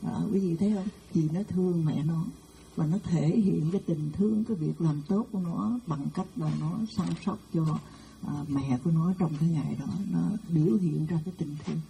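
A woman's voice: low-pitched, moderate pace, vocal fry, dark tone, slight background noise, low-quality recording. A woman Buddhist nun giving a dharma talk, telling stories with frequent hesitant fillers.

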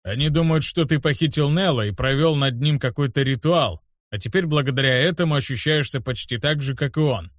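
A gruff, irritable grown man who brushes off every doubt, as a male narrator puts him on. His talk is brusque and impatient. The read sounds close and dry. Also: mid-range voice, fairly quick, hardly any pauses, no echo, natural voice.

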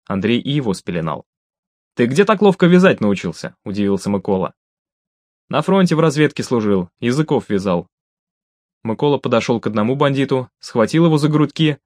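A man reading a crime story aloud as an audiobook, lifting his voice for the shouted dialogue. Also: dry recording, clean studio sound. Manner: raises pitch and volume for shouted dialogue. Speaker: audiobook narrator.

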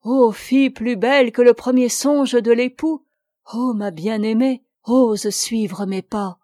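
Woman reading a fiery young lover from a storybook, slow and passionate, dry sound. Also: fairly high pitch, dark tone, no room sound. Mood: ardent. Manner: impassioned, declaiming. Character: young male captive lover, ardent and pleading.

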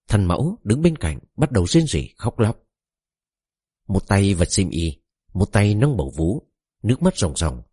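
Man narrating an epic, solemn measured reading, deep husky voice, dry close sound. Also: warm tone, no echo.

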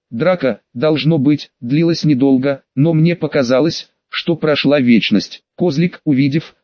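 A man reading a first-person audiobook in a steady, even storytelling manner. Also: a little high, no echo, dull audio. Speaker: audiobook narrator.

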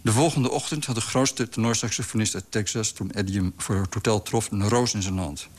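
A man reading a literary story aloud in a calm, measured way. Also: lowish voice. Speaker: narrator. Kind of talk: scripted literary narration.

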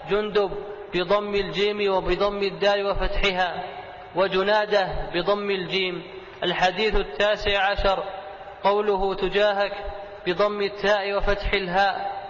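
A man's voice: high-pitched, a bit bright. A man, a student, reading a classical text aloud in a formal recitation. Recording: echoey hall, dull lo-fi audio.

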